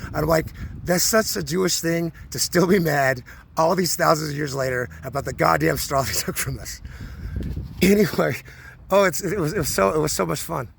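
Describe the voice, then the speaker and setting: Gravelly rambling man. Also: on the high side, normal speed, a bit bright, slight background noise. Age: 40s. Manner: rambling, many restarts and repeated words. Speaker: vlogger. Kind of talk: rambling personal monologue.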